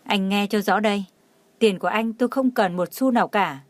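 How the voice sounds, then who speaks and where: A wounded young wife, bitter and clenched, holding herself together, as a woman narrator reads her. Her voice sits at a middling pitch. It is recorded close and dry. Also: brisk, no room sound, natural voice. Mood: bitter resolve. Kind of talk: audiobook narration.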